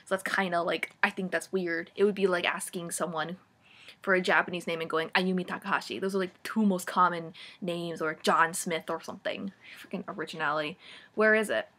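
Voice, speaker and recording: Young woman, 20s, snarky book-rant vlogger, bright forceful tone, swears and groans. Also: on the low side, steady tone, brisk. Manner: sarcastic, swears freely, leans on filler "like"; gushing then mocking, dramatic sighs and groans. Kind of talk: casual comic book-review rant.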